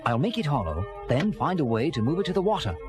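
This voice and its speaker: Expressive Robinson Crusoe, castaway captain. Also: male voice, on the high side, fast talker. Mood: reflective. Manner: earnest, theatrical, expressive. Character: Robinson Crusoe, earnest castaway sea captain recalling his ordeal. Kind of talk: dramatized first-person storybook narration. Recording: music bed under early-1980s children's record. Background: dramatic background music.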